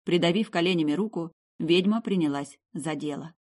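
A woman narrates a fantasy audiobook with measured, expressive storytelling. Her voice sits low, and she reads from a script.

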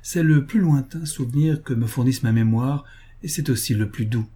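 A man's voice: medium pitch, normal speed, dark tone, breathy edge, lightly acted. A man voicing Mr. McGabry, a pompous, sentimental and jealous suitor, in a read-aloud novel.

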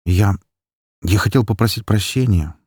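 A man's voice: on the low side, moderate pace, darkish tone, husky, no room sound, studio quality. A man voicing a nervous young man who pleads and begs in an audiobook. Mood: pleading, nervous. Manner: begging, nervous. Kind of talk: audiobook dialogue.

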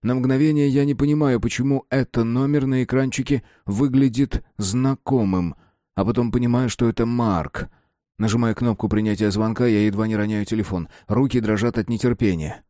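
A man narrating a novel in the first person in a measured, even reading. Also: medium pitch, dry recording, clean studio sound. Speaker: audiobook narrator.

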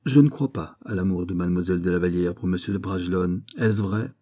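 A man voicing a proud young male king who is quick to anger, speaking in a clipped, imperious way that rises in anger. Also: low-pitched, warm tone. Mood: probing.

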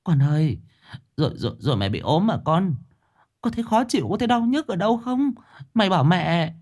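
A male storyteller voicing a frantic, worried middle-aged village mother who stammers and pleads in a raised, high voice. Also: very animated, fairly quick, darkish tone.

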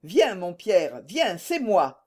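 A woman's voice: medium pitch, sing-song, slow, a little mellow. A woman voicing an honest, indignant grown peasant ploughman in a read-aloud story. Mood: earnest.

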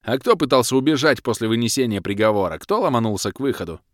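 A grumpy male prisoner scolds his companions in a grumbling, lively voice, as a man puts him on. The audiobook recording sounds dry and close. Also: mid-range voice, fast talker, no echo, voice pushed up, close to an everyday voice. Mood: scolding.

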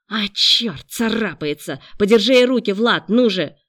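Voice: medium pitch, sing-song, normal speed, a bit bright, no room sound, studio quality. A reader voicing a predatory young man in an audiobook, with a mocking, jeering delivery. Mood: angry. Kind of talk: audiobook narration.

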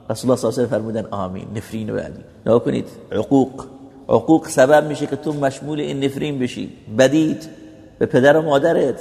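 A man delivers an impassioned sermon, his gravelly voice rising to loud pleading peaks and sinking low again. He recites Arabic verses slowly and then explains them. The voice rings with the long reverb of a large hall. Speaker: preacher.

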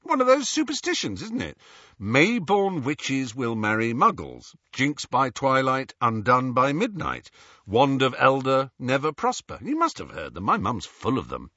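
A man's voice: medium pitch, wildly swooping pitch, measured pace, sharp tone, no echo, full character voice. A man doing a blunt, cheeky teen boy. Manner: blunt, mocking. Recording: dull, dry audiobook recording.

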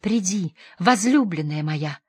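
A woman voicing a tormented, opium-addicted lady who pleads feverishly, dropping to soft murmurs and rising into sudden outbursts. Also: on the low side, lively intonation, slow pace, breathy edge, dry recording, heavily acted. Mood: yearning.

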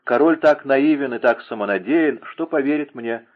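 Мужчина играет холодного насмешливого короля. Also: male voice, mid-range voice, normal speed, pitched above the performer's own voice, lightly acted. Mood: cold, mocking. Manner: cold, sarcastic. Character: cold, mocking young king. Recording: narrow phone-like lo-fi sound.

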